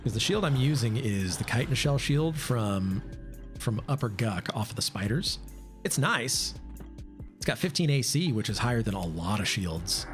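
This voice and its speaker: A man's voice: mid-range voice, sing-song, moderate pace. Casual man streaming a game over music. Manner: casual, thinks aloud and answers chat, many fillers. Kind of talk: live gameplay commentary.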